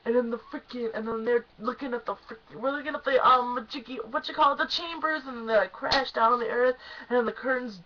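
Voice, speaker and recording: A young woman excitedly recapping a concert she went to, gushing and emotional, at times choked up. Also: on the high side, dull audio. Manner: gushing, emotional, lots of "like" and "oh my gosh". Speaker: concert fan vlogger.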